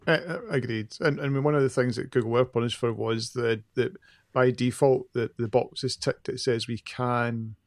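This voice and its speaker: Creaky-voiced man co-hosting a podcast. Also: medium pitch, fairly even intonation, normal speed, no echo, clean studio sound. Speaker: podcast co-host. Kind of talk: casual discussion.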